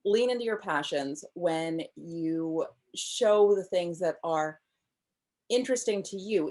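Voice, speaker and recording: In a relaxed interview conducted by video call from her home, a woman in her thirties who writes novels enthusiastically explains how she thinks about writing, using lots of ums. Her voice sits lowish and sounds a little mellow.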